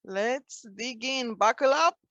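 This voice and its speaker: A woman's voice: on the high side, slow, a bit bright, no echo. A woman in her forties, from Romania, giving a prepared personal speech at a speaking club and telling family stories with frequent restarts.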